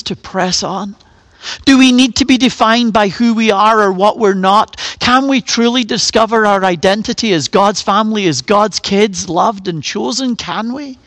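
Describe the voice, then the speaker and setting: A middle-aged man delivers a sermon in a high, earnest voice. He leans on rhetorical questions as he addresses his congregation. The sound is dry and close, with no room around it. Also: fairly bright tone, no room sound. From Northern Ireland. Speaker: pastor.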